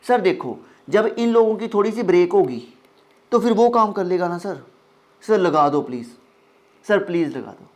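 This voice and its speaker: A man's voice: high-pitched, lively intonation, moderate pace. An eager young male student, as a teacher puts him on, who tacks "sir" onto every line and keeps pleading for his way. The voice stays close to an everyday speaking voice, with earnest, wheedling insistence.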